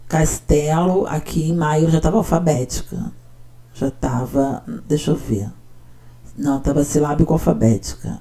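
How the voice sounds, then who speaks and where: A woman's voice: deep voice, mellow. A woman teacher, talking casually and often checking in with her listener. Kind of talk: casual explanatory talk.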